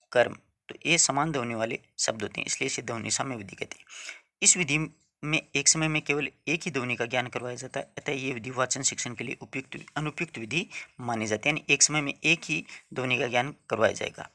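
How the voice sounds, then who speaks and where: A man delivers an exam-prep lecture at a middle pitch. His voice is bright and forward. He explains each point step by step, says it again, and checks that the students follow. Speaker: teacher.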